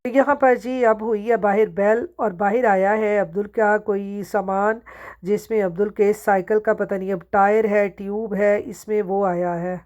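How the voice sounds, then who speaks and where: A woman from Pakistan, vlogging at home with a sore throat, narrates her daily routine in a chatty way, speaking to viewers and asking them questions. The recording is muffled; her voice is medium-pitched, a little mellow and fairly even, at normal speed.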